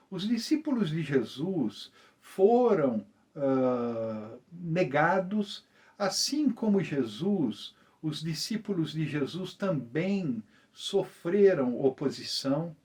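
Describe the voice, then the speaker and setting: A man leading a Bible study, reading scripture and explaining it slowly with hesitant fillers. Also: on the high side, darkish tone. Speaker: preacher. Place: small group gathering.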